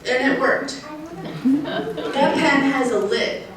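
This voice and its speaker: A woman urban wildlife specialist giving a lively, emphatic outdoor talk, often checking in with her listeners. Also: high-pitched, slow. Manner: lively, emphatic, keeps asking the crowd "right?". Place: outdoors at a nature center. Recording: echoey, distant, faint noise.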